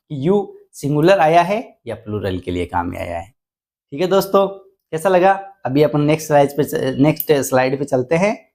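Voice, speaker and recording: Male Hindi grammar teacher, slow repetitive explanations. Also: a little high, a little mellow. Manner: explains slowly, repeating key points. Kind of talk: online grammar lesson in Hindi. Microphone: desk microphone indoors.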